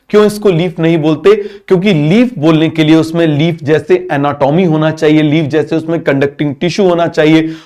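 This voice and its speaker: His voice somewhat high and a little mellow, a male teacher runs a biology lesson in Hindi laced with English terms, asking question after question and having students repeat the answers.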